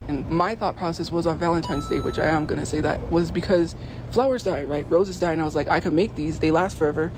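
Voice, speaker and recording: A man's voice: fairly high pitch, fast, noisy background. A man telling an emotional personal story in a rambling, filler-heavy way, recorded outside.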